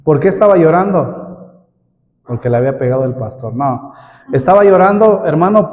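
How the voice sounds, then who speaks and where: This middle-aged preacher has a fairly high, slightly mellow voice. Addressing his audience as "brother," he fills his sermon with rhetorical questions, and the church hall gives the recording a long reverb tail.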